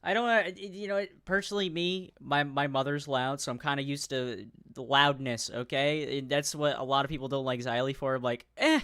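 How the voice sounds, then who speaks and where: Brief: male reaction commentator, bright smooth voice, giggly and mocking. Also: medium pitch, steady tone, a little fast, hardly any pauses, dry recording, studio quality. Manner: laughs often, mocks in put-on voices.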